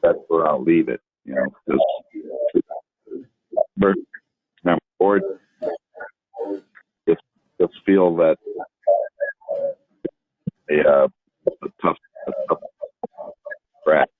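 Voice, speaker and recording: A man calling into a board meeting over a speakerphone, his voice breaking up and cutting in and out, talking in halting, broken-off phrases. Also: a bass voice, breathy edge, no echo. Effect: voice breaking up over a phone speaker. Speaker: board member calling in remotely. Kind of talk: town board meeting discussion. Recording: tinny, breaking-up phone line.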